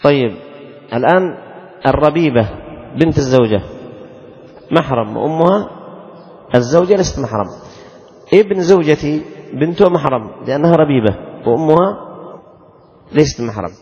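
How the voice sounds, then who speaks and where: Gravelly man teaching in a hall. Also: on the high side, animated, darkish tone. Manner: quizzes students, repeats rules slowly. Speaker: Islamic law teacher. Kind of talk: classroom lesson with questions to students. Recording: dull lo-fi recording, long reverb.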